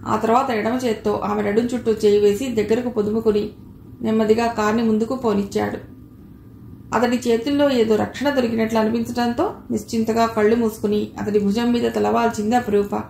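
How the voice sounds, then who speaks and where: A woman narrating a novel as an audiobook reader, in a steady, expressive way. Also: on the high side, fairly quick, vocal fry. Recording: echoey room with faint noise.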